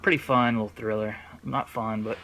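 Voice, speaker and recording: A man's voice: fairly low pitch, steady tone, normal speed, background noise. A man casually reviewing horror movies in a rambling, jokey, slangy way with heavy cursing. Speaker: horror film collector presenting a video.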